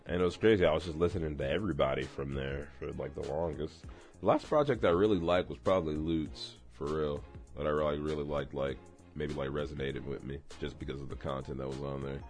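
A man's voice: very deep voice, steady tone, a little fast, a little mellow, faint music behind. A young man co-hosting a casual podcast, talking in a laid-back, hesitant way with many fillers. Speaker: podcast co-host. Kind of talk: casual chat.

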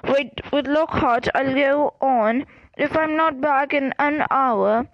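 A woman's voice: high voice, slow, dry recording, dull audio. A woman reading the lines of a brave, tense teenage boy wizard with urgent, clipped speech.

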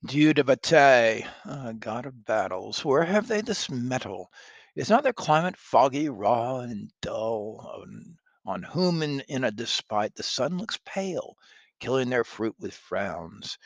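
A man's voice: medium pitch, big pitch swings, unhurried, creaky, no echo, heavily acted. Man reading a proud french nobleman, indignant, declaiming verse, dry close sound.

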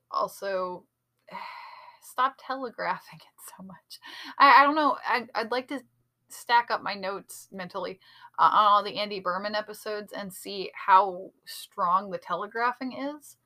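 A woman's voice: medium pitch, animated, normal speed, sharp tone. A woman co-hosting a podcast, casually breaking down a TV episode in analytical detail, with lots of "like" and "um". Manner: chatty, analytical, many fillers like "like" and "um". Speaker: podcast co-host. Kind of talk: casual chat reviewing a TV episode.

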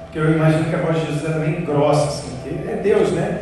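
A man preaching a lively, joking, storytelling sermon. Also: a little high, fast talker. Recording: echoey church hall, far mic, faint music.

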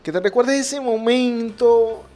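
A male radio preacher with a notably high voice addresses his listeners directly. He speaks fervently and pleads, circling back over the same phrases again and again. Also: slow pace, dark tone, faint music behind.

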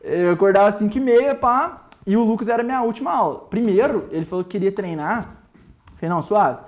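Fast-talking slangy Brazilian man. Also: sits high, expressive. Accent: Brazilian Portuguese. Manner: slangy storyteller, quick and joking. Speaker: podcast co-host. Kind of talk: casual chat.

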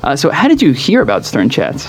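A man's voice: fairly high pitch, huge pitch swings, brisk, faint music behind, low-quality recording. A man hosting a student podcast interview in a studio, upbeat and reading prepared questions.

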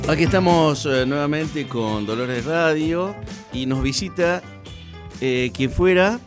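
A man's voice: a little high, slow, over loud music. An Argentine man hosting a comic mock interview on radio, hesitant and teasing as he questions his guest. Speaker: radio host.

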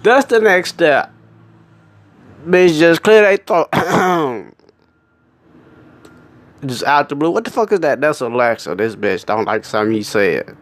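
A man's voice: on the high side, moderate pace, no echo. A young man delivering a profane, emphatic comic rant, laughing often. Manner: animated, emphatic and laughing, with frequent swearing.

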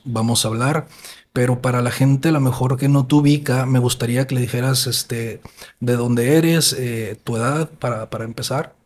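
Easygoing man hosting. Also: mid-range voice. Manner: easygoing, many fillers and repeats. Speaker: podcast host. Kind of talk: casual chat.

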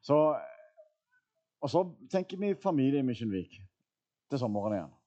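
A man in his thirties preaching a sermon in a church, telling a personal story in a relaxed way with many fillers. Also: mid-range voice, lo-fi sound. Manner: casual storytelling with fillers and laughs. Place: church hall.

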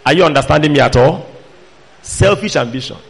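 High-pitched Nigerian male preacher, animated and admonishing. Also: brisk, gravelly. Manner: emphatic, admonishing, rhetorical questions to listeners. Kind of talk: sermon to a fellowship.

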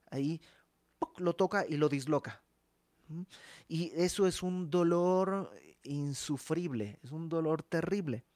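A man preaching a sermon, teaching a Bible passage in an animated way with asides to the listener. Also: fairly high pitch, no room sound.

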